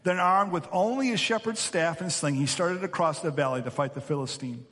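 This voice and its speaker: Male pastor, fairly high voice, emphatic sermon delivery, long hall reverb. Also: a little fast. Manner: animated, emphatic, repeats words.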